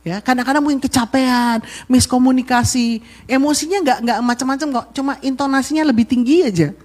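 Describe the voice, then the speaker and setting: A woman pastor delivers a lively sermon to her congregation. She drops into little acted-out voices for the people she quotes, then comes back to her own voice to ask for amens. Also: sits high, brisk.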